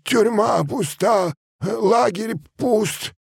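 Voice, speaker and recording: A man's voice: high-pitched, extremely slow, gravelly, husky, no echo, studio quality, pitched above the performer's own voice, heavily acted. A man voicing a cowering bearded workman who pleads and stammers. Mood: pleading.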